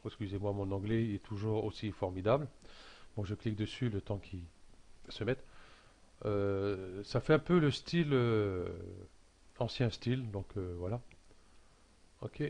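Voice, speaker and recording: Man, deeper voice, casual halting tutorial narration with lots of fillers, desktop mic. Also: darkish tone. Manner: hesitant, many fillers and restarts. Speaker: software tutorial maker. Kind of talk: casual screen-recorded software tutorial.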